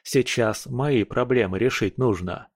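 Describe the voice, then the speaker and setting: A man's voice: mid-range voice, unhurried, no echo, studio quality. A man narrating a first-person audiobook in a wry, blunt manner.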